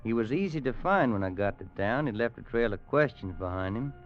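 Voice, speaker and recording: Here a weary, worried Western man tells a grim tale, voiced by an actor in folksy 1950s American radio drama fashion. The medium-pitched voice is animated, fairly quick and close to everyday speech, and the mood is grave and haunted. The muffled old recording carries music and slight background noise.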